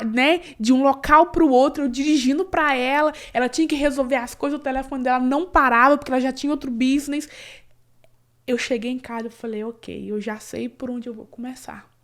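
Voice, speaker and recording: A woman's voice: high voice, fairly bright tone. A woman, a guest telling a personal story in earnest, with many fillers and restarts. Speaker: interview guest, cleaning business owner. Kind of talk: emotional personal story in casual conversation.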